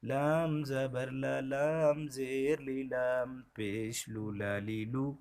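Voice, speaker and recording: A man's voice: mid-range voice, fairly even intonation, a little mellow, slight background noise. Man chanting syllable drills steadily. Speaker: student reciting drills.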